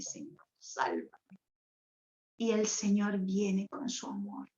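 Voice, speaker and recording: Earnest sixty-something nun, roomy lo-fi. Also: female voice, on the high side. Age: 60s. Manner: earnest and intimate, with pleading spoken prayers and rhetorical questions. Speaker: religious sister leading a healing retreat. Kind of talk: spiritual retreat talk. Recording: roomy, dull lo-fi recording.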